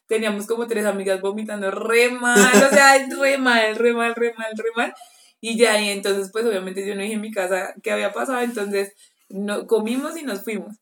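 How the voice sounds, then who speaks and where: A young woman tells a long story on a podcast, lively, laughing and acting out what people said. Her voice sits a little high. The room around her is echoey. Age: young adult. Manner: animated, laughs often, acts out quotes. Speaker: podcast co-host. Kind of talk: casual chat, storytelling.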